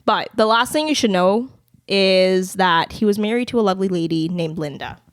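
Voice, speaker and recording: A woman's voice: mid-range voice, normal speed, no echo. Podcast host: young woman, New Jersey accent, giggly and chatty, close dry sound. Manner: chatty, laughs often, giggly asides. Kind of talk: casual chat. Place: bedroom.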